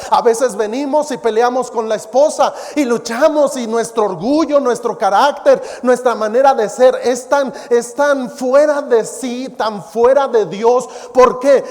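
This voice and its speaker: Reverberant high-voiced male preacher. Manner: preaching with dramatic drops to soft, low emphasis; quotes scripture and mimics others in a raised voice. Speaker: pastor. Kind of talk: sermon. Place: church. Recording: long hall reverb.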